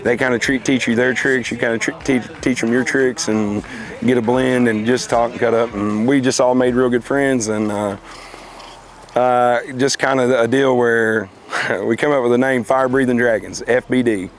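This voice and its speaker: A man's voice: medium pitch, steady tone, moderate pace, slight background noise. A middle-aged man, chatting casually and reminiscing in a folksy, plain-spoken way. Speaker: competitive car auctioneer being interviewed.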